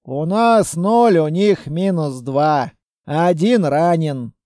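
A male narrator voicing a calm male soldier who gives clipped status reports over a headset in an audiobook. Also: on the high side, slow, dry recording, clean studio sound. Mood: reporting. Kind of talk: audiobook character voice.

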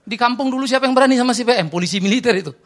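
A man preaching a sermon as pastor, telling stories with quoted dialogue and swinging between loud exclamations and quiet confiding asides. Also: very high-pitched, very fast.

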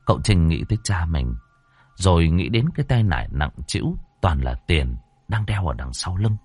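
Here a man narrates a horror tale at a moderate pace, his low voice animated, expressive and swinging widely in pitch, with a breathy edge. The recording is dry and close, with soft music playing underneath.

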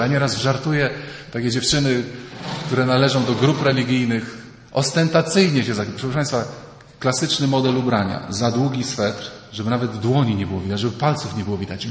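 A man preaches a retreat talk in a big echoing hall, with a long tail of reverb behind his voice. His delivery is animated, dipping low and rising high as he acts out quoted voices. A faint hum of the room sits underneath. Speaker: priest giving a retreat talk. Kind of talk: lively retreat sermon with acted quotes. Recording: echoey hall, faint ambience.

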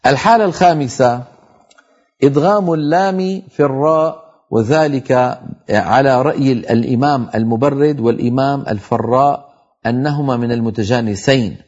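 A middle-aged man teaching tajweed on a televised lesson, explaining each rule and reciting the example words slowly. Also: mid-range voice, a little mellow, breathy edge, muffled recording.

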